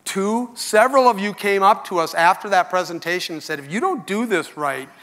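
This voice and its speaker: A man's voice: sits high, expressive, a little fast, a bit bright. A middle-aged man on a large conference stage giving a keynote speech to customers, in an earnest, conversational and candid manner, speaking into a headset mic. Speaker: company executive giving keynote.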